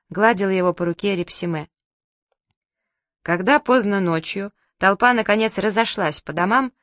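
A woman narrating an audiobook in a lively, humorous storytelling manner. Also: medium pitch, dry recording, studio quality.

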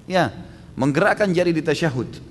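A man preaching and answering questions at a religious study session, fast and emphatic, with many rhetorical questions. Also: fairly high pitch, expressive, big-room sound, slight background noise.

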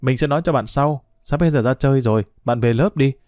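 A man's voice: medium pitch, brisk, darkish tone, dry recording, studio quality, natural voice. A man doing a teasing, bossy schoolgirl. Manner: mock-stern, teasing.

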